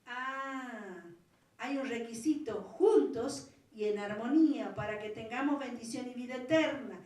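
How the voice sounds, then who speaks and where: A woman's voice: on the high side, a little slow. Argentine lady pastor preaching pentecostal style, fervent, big echoey church hall, mic kinda far off. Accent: Argentine Spanish. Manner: fervent, swelling to loud pleas. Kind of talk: Pentecostal sermon.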